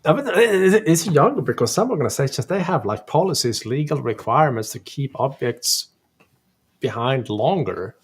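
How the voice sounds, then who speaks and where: A man co-hosting a tech Q&A in casual chat, halting and repeating words, with dry asides. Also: mid-range voice, lively intonation, husky. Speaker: co-host and instructor.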